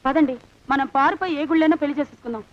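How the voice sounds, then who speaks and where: A woman's voice: high voice, racing, close to an everyday voice. An actress playing a young woman who urges her lover to run off and marry in secret. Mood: urgent. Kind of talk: film comedy dialogue. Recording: dull lo-fi film audio.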